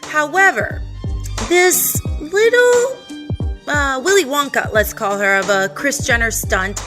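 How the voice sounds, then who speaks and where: A woman's voice: sits high, lively intonation, slow pace, loud music behind the voice. A young adult woman with a Valley Girl accent hosting a podcast, talking in a sassy, profane, sing-song way and slipping into playful quoted voices. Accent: Californian Valley Girl. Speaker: podcast host. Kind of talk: casual monologue.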